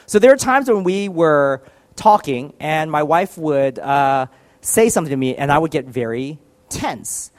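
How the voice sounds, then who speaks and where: Man, fairly high voice, candid and self-deprecating, telling a personal faith testimony. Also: expressive, a little slow. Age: adult, married.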